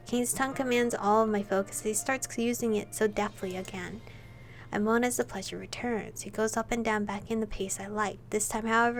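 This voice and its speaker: A young woman streamer reading a romance game's text aloud, playful and prone to flustered asides. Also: medium pitch. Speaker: game streamer reading a visual novel. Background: faint background music.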